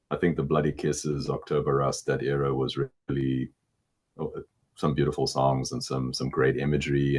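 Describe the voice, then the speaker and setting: During an interview, the middle-aged musician talks informally in his baritone voice, pausing and stumbling along. He tends to say words more than once as he thinks things through.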